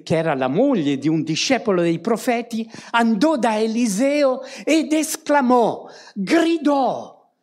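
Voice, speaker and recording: A woman's voice: mid-range voice, darkish tone. A woman preaching a sermon to a congregation, often tagging on rhetorical questions to draw her listeners in.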